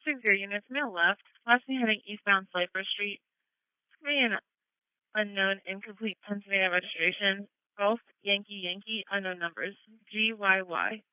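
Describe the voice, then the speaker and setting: A woman's voice: medium pitch, normal speed, clear, resonant tone, dry recording. A woman working as a police dispatcher, relaying information over police radio. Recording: tinny narrowband police radio.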